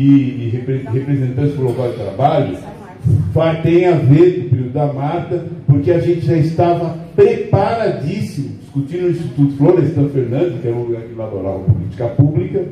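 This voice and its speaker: A man's voice: mid-range voice, mellow. A man reminiscing to a meeting in a rambling, conversational way, often tagging questions onto his sentences. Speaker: union founder speaking at a meeting. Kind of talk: reminiscing speech to members. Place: meeting hall. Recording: echoey hall, voice from far off.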